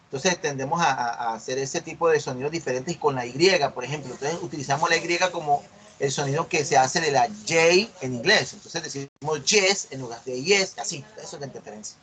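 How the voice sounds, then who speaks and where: A man, a university teacher explaining a lesson and checking understanding with frequent tag questions, drilling English words slowly and loudly in repetition. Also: mid-range voice. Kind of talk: explanatory lecture on online class.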